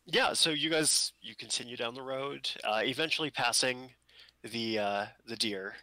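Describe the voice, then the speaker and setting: A man acting as game master, narrating a tabletop role-playing game in halting, improvised phrases. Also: mid-range voice, bright, forceful tone, no room sound, poor audio.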